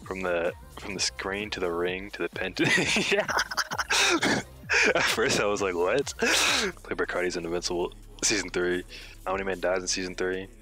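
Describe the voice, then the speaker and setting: Young male streamer, bright, unhurried delivery that jumps between low mutters and loud outbursts, faint music behind. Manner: excitable, bursts of shouting and laughing, slangy. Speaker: livestreamer. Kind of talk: casual live stream chat reacting to clips.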